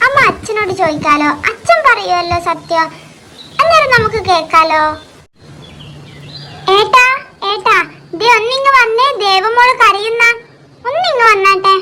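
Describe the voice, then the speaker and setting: A woman's voice: extremely high pitch, noisy background. A woman voicing a caring young mother in a cartoon, soothing and fussing over her crying daughter. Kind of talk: cartoon voice acting.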